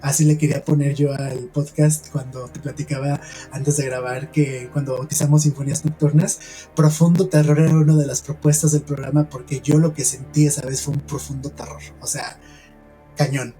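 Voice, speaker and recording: Earnest Mexican man with a mellow voice. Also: a little high, level tone, moderate pace, faint music behind. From Mexico, San Luis Potosí. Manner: earnest, hushed storytelling with many "o sea" fillers. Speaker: podcast host telling a personal paranormal story. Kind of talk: podcast storytelling conversation.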